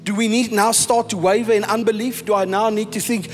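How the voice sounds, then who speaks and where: A South African pastor preaching a sermon emphatically, sometimes mixing in Afrikaans phrases. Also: male voice, high-pitched, flat delivery, a little fast. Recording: reverberant hall with soft music.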